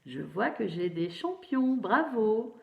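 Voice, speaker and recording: A woman teacher giving a phonics lesson to young children, slowly spelling out syllables and praising them. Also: mid-range voice, sing-song, vocal fry. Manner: slow, encouraging, syllable by syllable. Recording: roomy, dull lo-fi sound.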